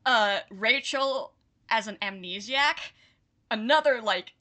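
A woman co-hosting a podcast in casual book chat, wry and riffing quickly, swearing freely. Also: a little high, bright, forceful tone. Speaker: podcast co-host.

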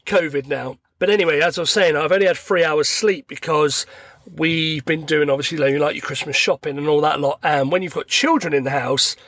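A middle-aged man, croaky and tired from illness, rambling chattily as he hosts a podcast from his parked car. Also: a little high, fairly even intonation, a little fast, a bit bright, no echo. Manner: rambling, chatty, acts out everyday dialogue. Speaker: podcast host. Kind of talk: casual solo podcast monologue. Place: parked car at a motorway services.

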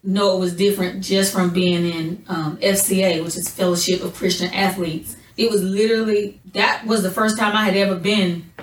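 A woman co-hosting a podcast in casual chat, speaking slowly and deliberately as she gathers her thoughts. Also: medium pitch, steady tone, roomy sound, distant mic, slight background noise, low-quality recording. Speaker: podcast co-host.

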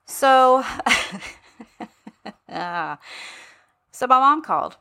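A woman co-hosting a podcast, telling a story in casual, profane chat with lively asides. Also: sits high, extremely slow. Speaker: podcast co-host.

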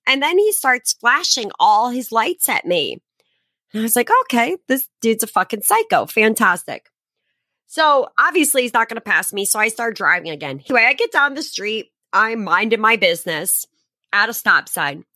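A woman's voice: on the high side, very animated, normal speed, pushed and bright, no echo, studio quality. A young woman hosting a podcast, telling a story in casual chat with sarcastic, profane humor.

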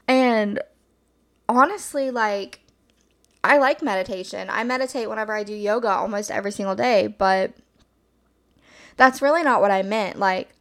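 A woman hosts a solo podcast, rambling in a casual, reflective way. Her medium-pitched voice is slightly hoarse, as if she just woke up.

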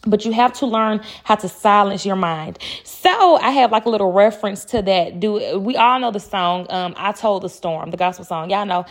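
A woman's voice: medium pitch, normal speed, hardly any pauses. A woman talking casually and earnestly to her viewers about faith, often repeating key phrases for emphasis. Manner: speaks directly to viewers as "y'all". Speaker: faith vlogger. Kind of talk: casual faith-based encouragement talk.

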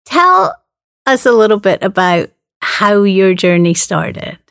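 A woman's voice: mid-range voice, very animated, takes it slowly, vocal fry, fairly bright tone, no echo, clean studio sound. A woman hosting a broadcast interview, introducing her guest and asking conversational questions. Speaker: interviewer host.

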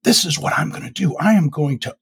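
His voice sits a little high and sounds expressive, brisk, gravelly and slightly rough. He's a podcaster in his fifties being interviewed, musing reflectively and rambling with many fillers in a casual host-and-guest interview conversation.

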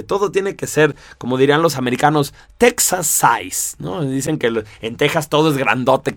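A man giving a lively, conversational talk to an audience, full of rhetorical asides. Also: fairly high pitch, no echo, clean studio sound. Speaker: teacher.

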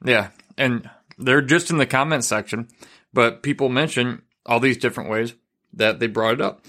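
A man's voice: mid-range voice, moderate pace, pushed and bright. A male podcast host with an electronically altered voice, talking in a chatty, easygoing way. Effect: voice altered to disguise identity. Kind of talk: casual podcast chat.

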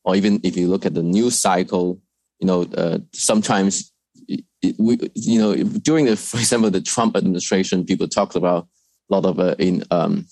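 A man's voice: low-pitched, fairly quick, darkish tone, dry recording. A man from China, a research fellow, answering interview questions thoughtfully with frequent fillers and restarts.

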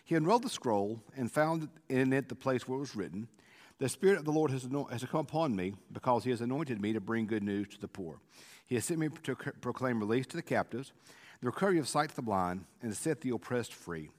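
A man's voice: medium pitch, lively intonation, fast talker, a little mellow. A male pastor recording a conversational devotional in a church sanctuary, his informal, explanatory talk full of restarts and carried by the room's long cathedral-like reverb.

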